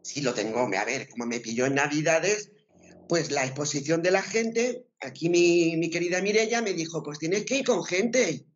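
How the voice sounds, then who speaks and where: A woman with an accent from Spain, telling her story as an interview guest in a lively way and repeating words for emphasis. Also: low-pitched, moderate pace, muffled recording. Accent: Spain Spanish. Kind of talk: personal testimony in conversation.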